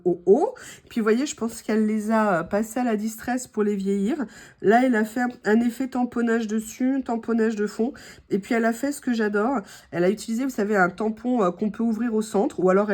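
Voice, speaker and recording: Somewhat high-voiced French woman, a little hoarse, gushing casual vlog chat. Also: fairly quick, a little mellow. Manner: chatty, gushing, many fillers. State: slightly hoarse. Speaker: craft vlogger opening mail.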